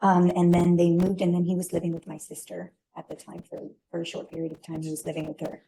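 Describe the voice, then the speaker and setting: A woman giving testimony as a witness in a courtroom, explaining in a halting way. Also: on the low side, monotone, creaky, noisy background. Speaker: witness, relative of the defendant.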